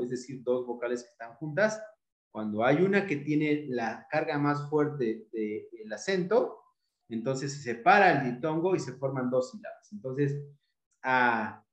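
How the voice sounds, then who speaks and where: Mexican teacher explaining in an echoey room. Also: male voice, on the high side. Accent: Mexican Spanish. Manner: explanatory, repeats key points. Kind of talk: online exam-prep lesson.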